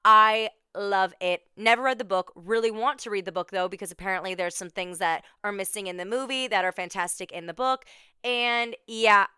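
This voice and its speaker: A woman's voice: medium pitch, pushed and bright, clean tone, dry recording, clean studio sound. A woman in her twenties from Minnesota hosting her own podcast in bubbly, chatty talk, repeating words for emphasis. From Minnesota, USA. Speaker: podcast host. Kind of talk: casual solo podcast chat.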